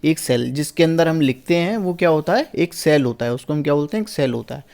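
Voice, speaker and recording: A young male teacher with a fairly high voice leads a lesson on a past exam paper. He asks each question himself and then answers it. He slows right down to read the English lines word by word. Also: lively intonation, gravelly, a little mellow.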